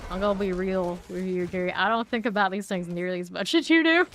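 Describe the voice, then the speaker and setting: A woman's voice: mid-range voice, fast talker, fairly bright tone, slight background noise. A woman streaming a game, chatting casually and rambling to her viewers as she plays. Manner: chatty, rambling, talks to chat. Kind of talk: casual gameplay chat.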